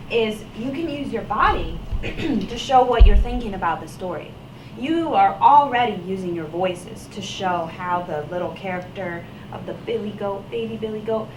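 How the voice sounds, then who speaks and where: A woman teacher reading a picture book aloud to a class and then explaining a lesson, slow and expressive. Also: medium pitch. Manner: reads slowly with expressive character voices. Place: classroom with children. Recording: echoey classroom, from far off. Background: noisy children.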